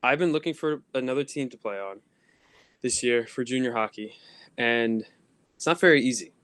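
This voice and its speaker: A young man co-hosts a casual podcast, rambling through his stories with plenty of ums and bursts of laughter. His voice sits in a middle pitch. The sound is dry and close, with no room echo. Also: normal speed, fairly bright tone. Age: young adult. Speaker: podcast co-host. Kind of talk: casual chat. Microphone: phone.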